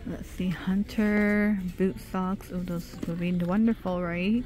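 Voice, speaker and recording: A woman's voice: lowish voice, fairly even intonation, takes it slowly, a little mellow. A middle-aged woman narrating a casual shop-with-me vlog in a department store, reading out product names and prices as she browses. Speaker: shopping vlogger. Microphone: handheld phone camera.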